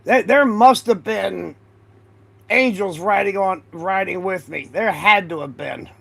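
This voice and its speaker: A man's voice: high-pitched, measured pace, creaky, pushed and bright. A man commenting casually on a livestream, rambling with fillers and restarts. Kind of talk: casual chat over videos.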